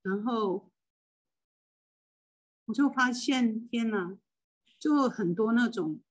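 A woman's voice: fairly high pitch, slow pace, low-quality recording. An older woman from Taiwan, a spiritual medium and hypnotist, speaks with a Taiwanese Mandarin accent. She gives a rambling, emotional personal monologue full of restarts.

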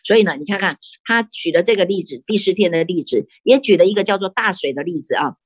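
A Buddhist nun with a Taiwanese Mandarin accent delivers a sutra sermon, telling it in an animated storytelling style packed with rhetorical questions and tag particles. Her voice is fairly low and breathy-edged, she speaks fast, and there is no echo.

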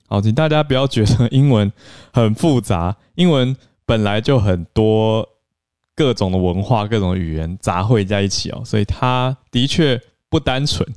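Man, podcast host, lowish pitch, smooth clear voice, dry studio sound. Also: darkish tone, no echo. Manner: chatty, explanatory, with many fillers. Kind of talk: casual news and English-learning podcast talk.

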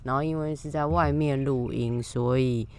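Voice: mid-range voice, steady tone, moderate pace, darkish tone. A podcast host with a Taiwanese Mandarin accent chats casually alone, speaking through a face mask that slightly muffles the words. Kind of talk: casual solo podcast talk. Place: outdoors in a park. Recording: outdoor recording with faint background noise. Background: faint natural ambient sound.

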